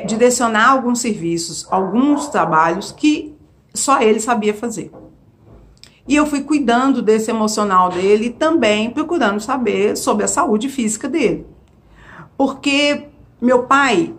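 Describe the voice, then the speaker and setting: Expressive Brazilian woman telling her story. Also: fairly high pitch, a little hiss or hum. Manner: expressive, emphatic, with rhetorical questions and asides. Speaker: vlogger sharing her caregiving experience. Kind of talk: casual personal storytelling to camera.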